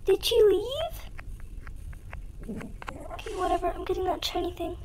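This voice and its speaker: Over a very noisy background, this gaming video creator speaks at a measured pace with lively intonation. His youthful voice is pushed high by a voice-changer, and his commentary on the gameplay is casual, dramatic and self-mocking in a playful way.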